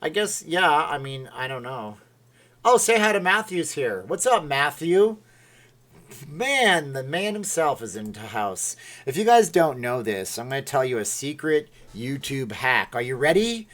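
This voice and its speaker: A man's voice: on the high side, sing-song, a little slow, fairly bright tone. A man hosting a casual livestream, rambling and reading viewer comments aloud. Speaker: livestream host. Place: Las Vegas.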